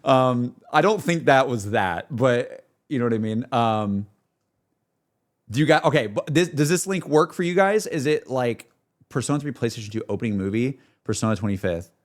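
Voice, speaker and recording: Livestreaming at normal speed, this man has an animated, mid-range voice. He chats with viewers and reacts spontaneously, slangy and repetitive, constantly saying "like", "bro" and "dude".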